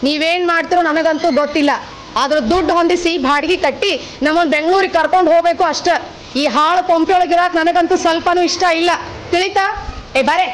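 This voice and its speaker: A woman's voice: very high voice, fairly even intonation, a little fast, slight background noise. An actress playing an insistent wife who scolds her husband. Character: demanding young wife, impatient with her husband.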